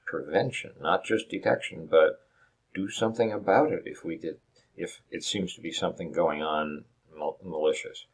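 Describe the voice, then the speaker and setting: A man's voice: sits low, a little mellow, breathy edge. A man teaching a recorded lecture over slides, explaining step by step with frequent restarts and rhetorical questions. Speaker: instructor.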